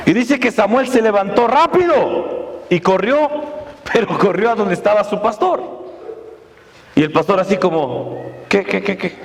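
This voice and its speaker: A man preaching a sermon as pastor, often asking the congregation rhetorical questions. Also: sits high. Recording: long reverb of a church hall.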